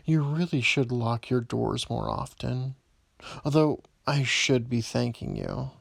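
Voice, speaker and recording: A man playing a menacing, possessive stalker in an audio roleplay, speaking low and taunting, often dropping to a whisper. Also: sing-song, creaky, slightly rough, no room sound, clean studio sound, full character voice. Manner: slow, low, taunting delivery with frequent whispers. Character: menacing adult male stalker, predatory and possessive.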